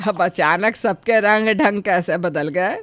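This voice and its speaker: A woman's voice: medium pitch, takes it slowly, a bit bright, soft background music. Woman voicing a blunt, outspoken old neighbor. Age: older. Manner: outspoken, advice-giving. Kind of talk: cartoon story voice acting.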